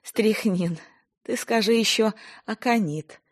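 Brief: a woman playing an earthy, stern village woman, blunt storyteller, husky and soft. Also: medium pitch, takes it slowly, pitched above the performer's own voice. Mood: stern storytelling.

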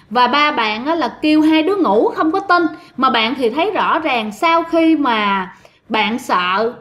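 High-voiced woman storyteller. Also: a bit bright. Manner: chatty, addresses listeners directly. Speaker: ghost story podcast host. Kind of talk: casual storytelling.

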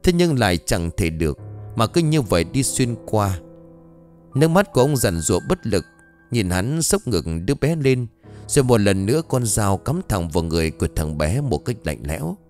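A man narrating a horror audiobook with dramatic, expressive delivery. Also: lowish voice, moderate pace, soft background music.

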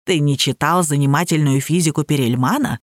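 A woman's voice: low-pitched, brisk, no echo, studio quality, pitched below the performer's own voice. A woman reading the part of a stern, sardonic old woman, a pensioner who gives orders and mocks her guests. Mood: commanding. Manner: commanding and teasing.

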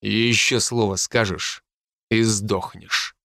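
Cold killer hero, male reader voicing him, deliberate and threatening, dry close sound. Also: fairly even intonation, creaky, bright, forceful tone, no room sound, heavily acted. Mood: menacing. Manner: slow, low and menacing. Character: cold, ruthless young fighter, menacing.

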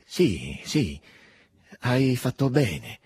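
A man's voice: medium pitch, sing-song, drawn-out words, a little mellow, slightly rough, no room sound, voice pushed up, heavily acted. A man reading the part of a weary, ailing fortress officer in an audiobook, speaking faintly and with strain. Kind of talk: audiobook dialogue.

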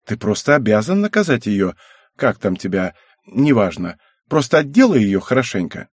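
A man voicing a loud, clingy, rude blonde schoolgirl in an audiobook. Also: lowish voice, very animated, moderate pace, slightly rough, dry recording, studio quality. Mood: pushy.

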